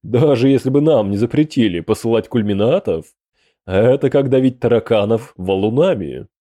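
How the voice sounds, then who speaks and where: A man's voice: mid-range voice, lively intonation, moderate pace, warm tone, dry recording, natural voice. A man doing a lazy, mocking ancient demon.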